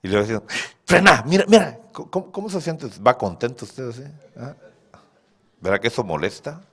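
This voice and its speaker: A man preaching with a lively, swinging voice that climbs into sudden shouts and drops low again. He talks directly to his congregation in an animated way and laughs at his own stories. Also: a little fast. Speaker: pastor. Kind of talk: sermon.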